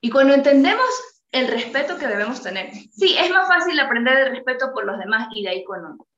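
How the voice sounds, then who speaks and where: A woman's voice: sits high, big pitch swings, a little fast, a bit bright, echoey room, highs cut off. A woman giving a motivational talk, earnest and full of rhetorical questions to her listeners. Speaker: motivational speaker.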